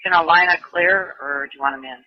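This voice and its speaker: A man working as a police dispatcher over a walkie-talkie, briskly reading back each call. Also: fairly high pitch, dry recording. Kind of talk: terse police radio calls. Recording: archival lo-fi police radio.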